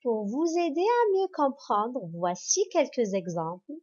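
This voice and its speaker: A woman teacher giving a grammar lesson to children, speaking in a slow, spelled-out and encouraging way. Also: high voice, sing-song, a little mellow. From Morocco. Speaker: primary school teacher. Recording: dull lo-fi recording.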